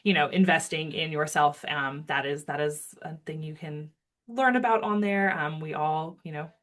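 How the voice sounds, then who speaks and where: Interview guest: a woman with a low voice, earnest, filler-heavy delivery. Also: moderate pace, a bit bright. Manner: earnest, speaks with many ums and restarts. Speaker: guest, wildlife rehabilitation board member. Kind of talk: casual interview talk.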